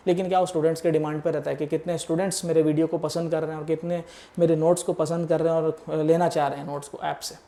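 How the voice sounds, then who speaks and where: A man's voice: fairly high pitch, warm tone. A young man teaching engineering math in an exam-prep lecture, talking casually and coaxing his students along as he works each step aloud while writing. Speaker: math tutor.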